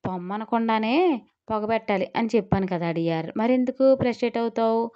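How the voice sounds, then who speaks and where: A woman's voice: fairly high pitch, a little fast, smooth, lo-fi sound, natural voice. A woman voicing a scheming young woman friend with a sugary, coaxing way of talking.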